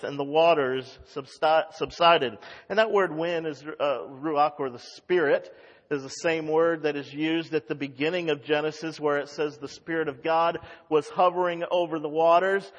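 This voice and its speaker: A man's voice: fairly high pitch, normal speed, muffled recording. A male pastor preaching an expository sermon at a pulpit microphone, reading scripture aloud and explaining it. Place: church sanctuary. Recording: long reverb of a large church hall.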